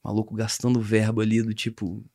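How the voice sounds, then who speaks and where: A man in casual chat, slangy and animated, swearing freely. His voice sits at a middle pitch. He is recorded dry and close, with no room sound. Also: moderate pace, no room sound. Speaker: comedian.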